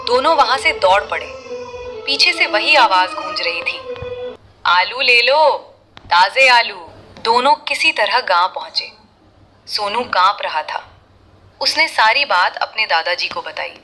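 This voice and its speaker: Bright-voiced woman narrating a horror story. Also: medium pitch, a little slow, faint music behind. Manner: steady storytelling.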